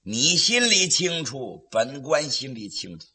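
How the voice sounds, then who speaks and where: A male storyteller voicing a stern, suspicious interrogating magistrate in a gravelly, dramatic, threatening manner. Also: mid-range voice, big pitch swings, a little slow, pushed and bright, heavily acted. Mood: menacing. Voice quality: gravelly, hoarse.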